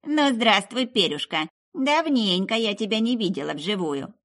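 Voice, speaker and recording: A woman's voice: medium pitch, expressive, moderate pace, pushed and bright, pitched above the performer's own voice. A woman reader voicing a fussy, bossy old witch in an audiobook, with a scolding, folksy grumble. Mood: grumbling. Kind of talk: audiobook character voice.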